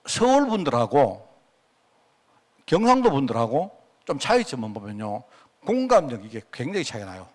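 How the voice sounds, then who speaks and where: Lively Gyeongsang-accented male pastor preaching. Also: mid-range voice, moderate pace, long pauses. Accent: Gyeongsang Korean. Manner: conversational, keeps asking the listeners questions. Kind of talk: sermon to a congregation.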